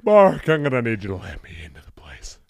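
A man's voice: mid-range voice, brisk, no echo. A man playing his character in a tabletop game, friendly and easygoing, with a voice that rises and falls a lot. He is recorded close and dry. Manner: friendly, buddy-like, lively. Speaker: player. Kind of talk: in-character tabletop role-play.

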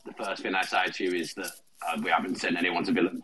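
A very deep-voiced man talks casually over a call, his sound hollow and echoing like he's speaking from inside a tunnel. A loud, crowd-like din fills the background. He comes across dry and a little resigned. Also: flat delivery, fast. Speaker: podcast guest, sports news worker. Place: his office. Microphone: online call.

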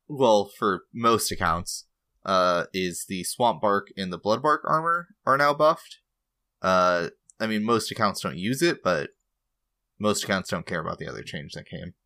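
A man co-hosting a casual gaming podcast, talking in a halting way with many pauses and restarts. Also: on the low side, expressive, pushed and bright, dry recording, studio quality. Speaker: podcast co-host.

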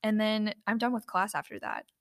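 A woman's voice: medium pitch, steady tone, moderate pace, crowd noise. A young woman co-hosting a casual student podcast, friendly and upbeat, with a teasing edge. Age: young adult. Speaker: student co-host.

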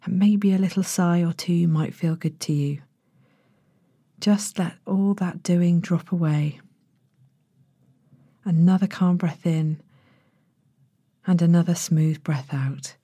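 A woman narrating a sleep story as a guided relaxation, in a gentle, hushed and breathy manner with long pauses. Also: fairly low pitch, fairly even intonation, dry recording, clean studio sound. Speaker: podcast host, sleep meditation narrator.

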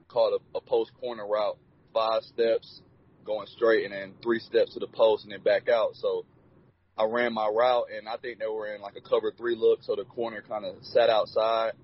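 Speaking in a lowish, husky voice, a twenty-something college footballer gives relaxed interview answers peppered with "you know". It's captured on a dull, lo-fi recording.

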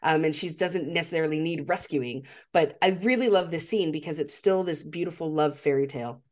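Rambling, eager woman with a lowish voice. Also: fairly quick, a little mellow. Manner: enthusiastic, rambling with many fillers. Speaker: podcast co-host. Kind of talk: casual chat.

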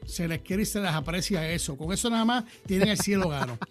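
A high-voiced man co-hosts a laid-back podcast. He jokes, curses playfully and thanks his listeners, with faint music underneath. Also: lively intonation, quick pace. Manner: playful, swears freely, thanks listeners warmly. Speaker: podcast co-host. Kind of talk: casual chat, telling jokes.

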